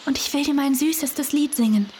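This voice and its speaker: A woman voicing a small female nightingale who pleads earnestly and slowly. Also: sits high, a little mellow, slight background noise, pitched above the performer's own voice, natural voice. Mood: pleading.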